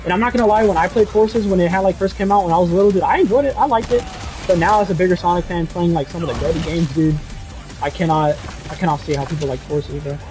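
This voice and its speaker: A young man chats on his livestream, rambling and excitable. His voice sits a little high but sounds mellow and soft-edged. Faint music plays underneath. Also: fast. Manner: rambling, excitable, says dude and bro a lot. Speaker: streamer reading chat. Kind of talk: casual livestream chat.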